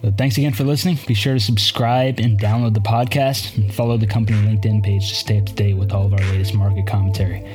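Male podcast host, lowish pitch, measured explanations, market commentary. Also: steady tone, darkish tone, faint music behind.

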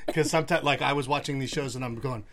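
Low-voiced woman over loud crowd noise. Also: fairly even intonation, fast talker. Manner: rambling, self-interrupting storyteller. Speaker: co-host. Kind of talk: casual panel chat.

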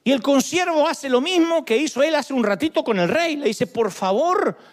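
A man preaching to his congregation. His voice sits high and swoops up and down all the time. He tells the story with jokes and an animated, playful delivery. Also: a little fast. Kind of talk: sermon.

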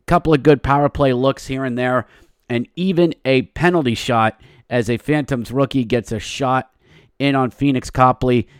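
A man's voice: medium pitch, fairly even intonation, moderate pace, smooth, no echo, clean studio sound. A man hosting a sports podcast gives a casual, opinionated game recap in a wry, colloquial way with short emphatic phrases.

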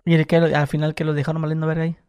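A man's voice: a little high, monotone, very fast, darkish tone, clear, resonant tone. A man hosting a casual interview, prompting his guest with short slangy questions. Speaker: podcast host.

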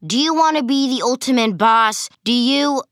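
A woman's voice: high-pitched, moderate pace, fairly bright tone, clear, resonant tone, no room sound, studio quality. A woman voicing a sarcastic, easily exasperated preteen girl who hosts a podcast in a cartoon. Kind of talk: cartoon voice acting.

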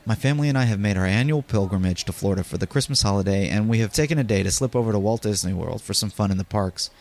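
A man's voice: lowish voice, quick pace, vocal fry, a little mellow. A man hosting a podcast, narrating personal memories in a conversational way and speaking directly to his listeners. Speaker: podcast host.

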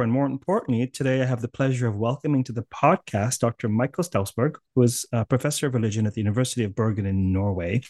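A man's voice: mid-range voice, darkish tone, dry recording, clean studio sound. A Canadian man hosting an interview podcast, chatty and rambling with a casual tone. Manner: chatty, rambling, laughs often. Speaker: podcast host.

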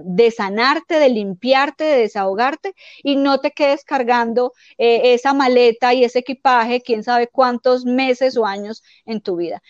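A woman life coach giving calm, explanatory spiritual self-help advice, often acting out quoted dialogue. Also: a little high, no echo, muffled recording.

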